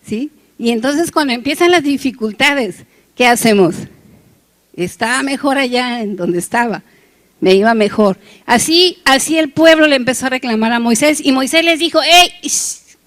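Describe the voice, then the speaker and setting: A woman with a fairly high voice preaches a sermon to her congregation in a conversational way. She slips jokes between scripture points and keeps checking in with "right?" and "yes?"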